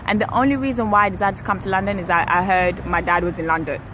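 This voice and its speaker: A young woman from Kenya telling a personal story to her viewers in a chatty, animated way, outdoors while waiting for a ride. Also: mid-range voice, fast. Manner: chatty, animated, self-correcting. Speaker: vlogger. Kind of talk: casual storytelling to camera. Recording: street traffic noise behind.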